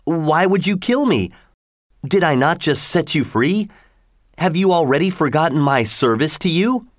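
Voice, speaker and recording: A man's voice: a little high, animated, measured pace, no echo, studio quality, pitched above the performer's own voice. A man doing a pleading, frightened fisherman. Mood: indignant. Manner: pleading, raised and anxious. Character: pleading poor male fisherman, a frightened father.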